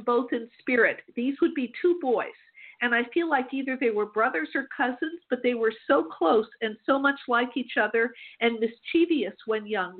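High-voiced woman psychic on a phone line. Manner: warm, chatty, reassuring, laughs often. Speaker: psychic medium host. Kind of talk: call-in radio reading. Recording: tinny phone-line sound.

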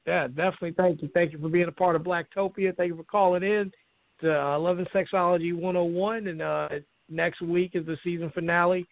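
A man hosting a call-in radio talk show, speaking in a halting way and often repeating his words. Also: sits high, steady tone, gravelly, no room sound. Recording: dry, tinny phone-line sound.

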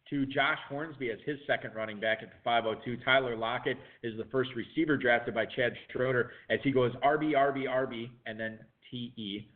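A man co-hosting a fantasy football show, recapping draft picks in a brisk, matter-of-fact way with dry ribbing of his partner. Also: medium pitch. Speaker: podcast co-host. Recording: muffled phone-like line.

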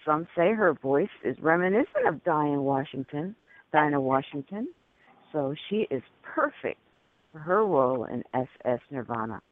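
A woman's voice: low-pitched, big pitch swings, moderate pace, dry recording. A woman hosting a radio talk show who reads formal guest introductions, with small slips and corrections. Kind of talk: reading guest introductions, interviewing. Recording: narrow phone-line radio sound.

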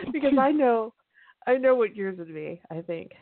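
A woman's voice: a little high, sing-song, takes it slowly, no room sound. A woman hosting a podcast in casual chat, giggly and chatty. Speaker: podcast host. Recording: dry, phone-like line.

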